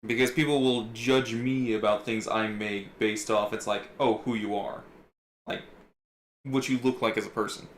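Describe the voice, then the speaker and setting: Laid-back low-voiced man in a roomy space. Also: steady tone, normal speed, slight background noise. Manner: laid-back, swears casually. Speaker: streamer, VR sculptor. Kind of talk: casual chat while working live.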